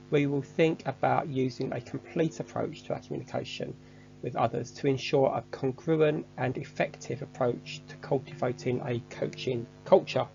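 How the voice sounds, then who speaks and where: Gravelly man giving a lesson. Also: mid-range voice, a little mellow, highs cut off, slight background noise. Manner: measured, structured delivery. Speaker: course instructor. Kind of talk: scripted online lesson.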